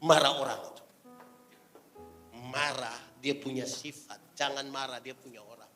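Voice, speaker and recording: A man preaching as a pastor, throwing loud questions at the congregation and dropping to quiet asides. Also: mid-range voice, steady tone, moderate pace. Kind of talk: sermon. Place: church hall. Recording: live sermon in a large reverberant church hall with faint music.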